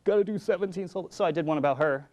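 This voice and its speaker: A talkative, playful man, a guest haiku poet and slam champion, chats casually and sometimes recites short poems. He speaks very fast in a fairly high, darkish voice.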